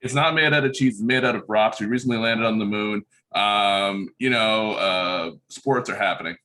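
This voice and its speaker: A man's voice: fairly low pitch, moderate pace, bright, forceful tone. A man playing a rambling dad who keeps insisting it is the late sixties, in an improv comedy scene, full of ums and uhs. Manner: rambling, full of fillers, giggly.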